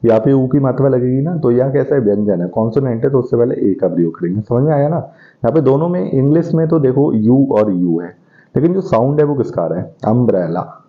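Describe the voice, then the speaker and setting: A man teaching an English grammar lesson, explaining step by step and asking questions that he answers himself. He reads the English example sentences slowly. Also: medium pitch, lively intonation. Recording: dull lo-fi recording.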